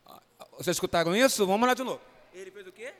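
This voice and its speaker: The voice sits high and the pace is quick as this Brazilian-accented man guides children through a Bible lesson at church. He prompts kids by name for answers, and the hall around him is reverberant.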